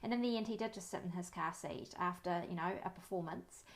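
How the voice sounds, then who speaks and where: A woman, a parenting educator giving calm, friendly advice to camera with personal stories. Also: medium pitch. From New Zealand. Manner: friendly, anecdotal, calm and reassuring.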